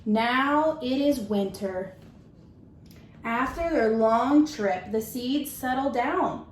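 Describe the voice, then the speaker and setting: A woman teacher reads a children's picture book aloud in a fairly high voice, going slowly. She speaks simply and instructively to young listeners and asks them questions along the way. The room is echoey, with faint noise in the background.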